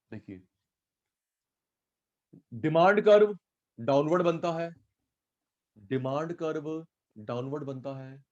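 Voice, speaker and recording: A man's voice: medium pitch, darkish tone, dull audio. A man teaching an online economics class, repeating points and coaxing students by name.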